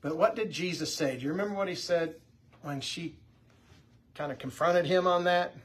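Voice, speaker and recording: A pastor talks through scripture in an easygoing, chatty teaching style, doubling back and restarting his sentences as he goes. His voice is husky and sits a touch high for a man. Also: normal speed. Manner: conversational, with frequent restarts and fillers. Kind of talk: casual Bible teaching.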